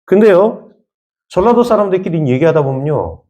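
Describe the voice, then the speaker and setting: A man's voice: high-pitched, animated, moderate pace, mellow. A man from the Jeolla region of Korea, a pastor preaching a sermon with emphatic repetition and rhetorical questions to the congregation.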